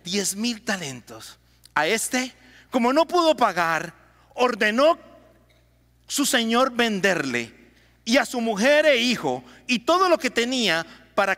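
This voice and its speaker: A man's voice: high-pitched, big pitch swings, slow, bright, forceful tone. A man preaching a sermon as pastor, calling on the congregation to repeat lines after him. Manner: preaching with call-and-response to the congregation. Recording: long hall reverb.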